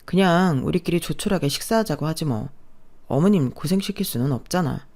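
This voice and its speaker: A woman voicing an apologetic young husband who speaks softly and placatingly. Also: low voice, expressive, brisk. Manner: placating, soft.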